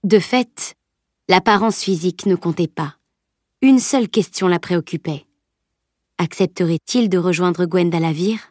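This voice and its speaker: Low-voiced woman reading a novel. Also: a little slow, darkish tone, no echo, clean studio sound. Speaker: audiobook narrator. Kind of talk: scripted narration.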